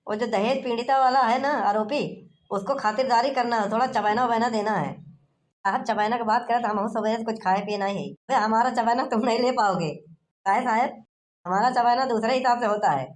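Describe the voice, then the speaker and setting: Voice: mid-range voice, fairly quick, natural voice. A performer voicing a bossy, curt police inspector in a cartoon comedy, barking orders and mocking people. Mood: gruff. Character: gruff, lazy small-town police inspector.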